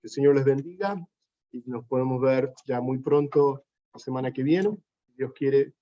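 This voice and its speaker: A man leads an informal Bible class, his voice mellow and relaxed. He talks loosely, dropping fillers and asking rhetorical checks of his listeners, on a slightly dull, lo-fi recording. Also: mid-range voice, normal speed. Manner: conversational, many fillers like "este" and "¿no es cierto?". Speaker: pastor teaching a Bible study.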